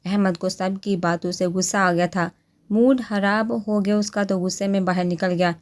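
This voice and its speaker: Woman reading a romance novel aloud, steady storytelling. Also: medium pitch, moderate pace. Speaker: narrator. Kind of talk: audiobook narration of a romance novel.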